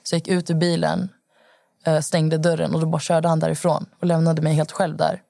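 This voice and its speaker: A woman's voice: low voice, creaky, mellow, no room sound. A young woman guest telling her own story in casual talk, rambling with many fillers. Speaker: podcast guest. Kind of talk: personal account in casual conversation.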